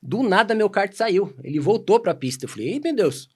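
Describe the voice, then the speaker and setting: A Brazilian man telling stories as a podcast guest, casual and animated, acting out quoted dialogue. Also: high voice, slightly rough. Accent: Brazilian Portuguese. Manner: animated, quick anecdotes full of quoted dialogue. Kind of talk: casual storytelling.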